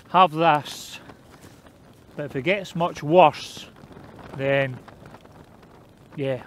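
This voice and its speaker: A man in his forties talks to his camera from beside a small tent and from inside it. His manner is relaxed and matter-of-fact, an easygoing chat from someone used to camping out. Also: on the high side, slight background noise. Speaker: outdoor vlogger. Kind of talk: casual camping vlog. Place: outdoors by a tent on moorland and inside a tent at night.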